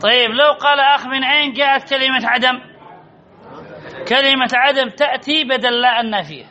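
A man's voice: extremely high pitch, a little fast, sharp tone. A man teaching Arabic grammar in a classroom, quizzing students and repeating key answers as drills, on a dull lo-fi recording. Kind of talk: classroom lesson with questions to students.

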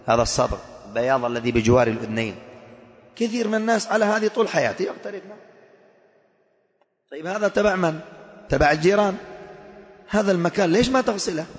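A male preacher giving an animated religious lesson, demonstrating with gestures and exhorting his listeners. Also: medium pitch. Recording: long hall reverb.

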